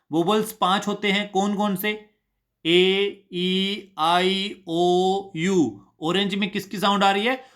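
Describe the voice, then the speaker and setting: Male tutor, exam-prep lesson, unhurried delivery, quizzes the class and answers himself. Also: sits high, a bit bright. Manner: drills students with repeated questions and answers. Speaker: teacher.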